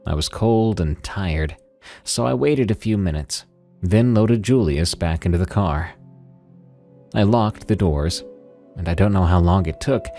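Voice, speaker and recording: Deep-voiced male paranormal radio host. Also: dark tone. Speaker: host of a paranormal story show. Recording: music behind the voice. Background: background music.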